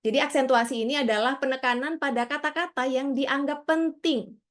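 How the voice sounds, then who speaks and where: A woman's voice: high-pitched, steady tone, brisk. A woman leading an online public speaking workshop over a video call, friendly and coaxing as she calls on participants.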